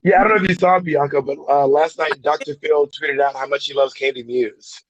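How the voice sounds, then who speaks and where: A man's voice: on the high side, steady tone, brisk, no echo, rough recording. A man co-hosting a podcast in casual chat, telling stories in a playful, joking way. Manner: playful storyteller, jokey. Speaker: podcast co-host.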